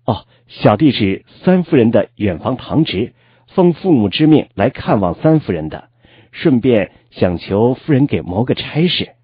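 A man's voice: medium pitch, sing-song, unhurried, slightly rough, no echo, muffled recording. A man voicing a humble young man who plays shy and meek in a storybook reading. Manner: meek, self-effacing.

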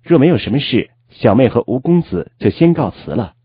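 A man's voice: mid-range voice, big pitch swings, brisk, muffled recording, faint music behind, lightly acted. A man doing a cold, aloof young lady. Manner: cold, curt.

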